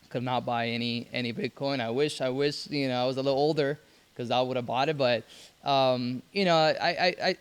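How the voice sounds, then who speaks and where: A young man from Cuba, raised in Mexico, speaking as a podcast guest in a halting way with many restarts. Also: mid-range voice, clean tone. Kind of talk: casual interview.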